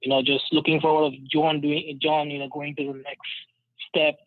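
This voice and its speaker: A tinny phone line carries a man's fairly high voice. He is a caller chatting casually with the hosts. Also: flat delivery, moderate pace, no room sound. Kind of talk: casual call-in chat.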